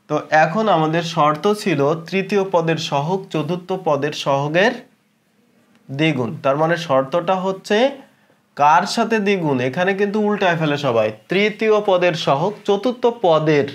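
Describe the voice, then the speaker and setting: Slow-explaining Bangladeshi male math teacher. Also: a little high. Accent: Bangladeshi Bengali. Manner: explains slowly, stretching terms and asking rhetorical questions. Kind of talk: step-by-step math lesson.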